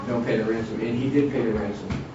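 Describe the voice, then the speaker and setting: A man in his sixties leads an informal Bible study, rambling with many restarts and asides. His lowish voice moves fast, and the recording is distant, dull, noisy and very echoey.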